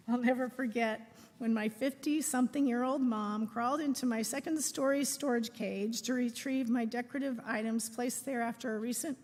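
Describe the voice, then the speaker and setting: Middle-aged lady reading a eulogy phrase by phrase, fairly high voice, big echoey hall. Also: darkish tone. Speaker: daughter giving a eulogy. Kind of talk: prepared eulogy read aloud. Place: large room at a memorial service. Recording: echoey hall with long reverb.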